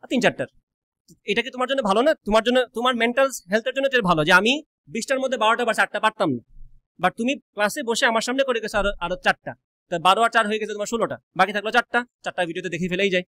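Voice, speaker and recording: A young man with a colloquial Sylheti-tinged Bengali accent, giving a blunt, rapid-fire orientation lecture as a coaching teacher, mixing in English words. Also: sits high, bright, forceful tone. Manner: rapid-fire, says he always talks fast.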